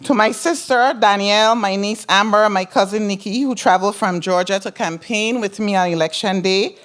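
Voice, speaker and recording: Middle-aged woman, mid-pitched, Virgin Islands Crucian accent, delivering a formal senator's speech of thanks with personal asides. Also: normal speed, a bit bright, clear, resonant tone. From Saint Croix, US Virgin Islands. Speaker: newly elected senator. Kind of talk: ceremonial thank-you speech.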